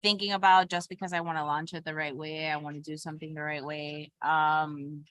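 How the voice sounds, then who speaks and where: A woman's voice: low voice, level tone, fairly bright tone, dry recording. A woman in her thirties from Brooklyn and Miami, a stand-up comedian chatting candidly as a podcast guest. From Brooklyn and Miami, USA. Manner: candid, self-mocking, quick to laugh. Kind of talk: casual chat.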